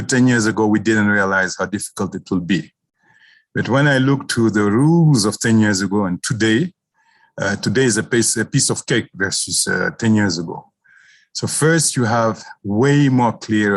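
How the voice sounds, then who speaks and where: Low-voiced man speaking with frank hesitation. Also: no room sound. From Ethiopia. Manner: hesitant, frank, filler-heavy. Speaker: business founder panelist. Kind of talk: online panel discussion.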